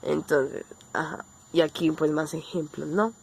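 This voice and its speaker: A woman's voice: low-pitched, fairly even intonation, unhurried, creaky, breathy edge. Colombian woman teaching a language lesson. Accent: Colombian Spanish. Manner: explains step by step, often checking with "¿ok?" and "¿cierto?". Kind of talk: casual online lesson.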